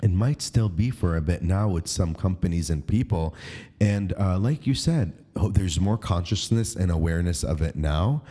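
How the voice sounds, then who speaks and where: A man's voice: sits low, animated, moderate pace, warm tone. A man co-hosting a podcast and talking about his acting work in an earnest, casual way. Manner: earnest and conversational, mimics casting directors' lines. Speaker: podcast co-host, actor. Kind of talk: casual conversational chat.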